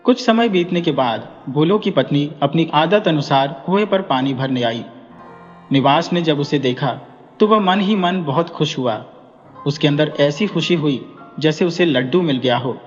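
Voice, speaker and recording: A man narrating a scripted folk story in a steady, plain manner, recorded dull and echoey with music behind. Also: fairly high pitch, measured pace.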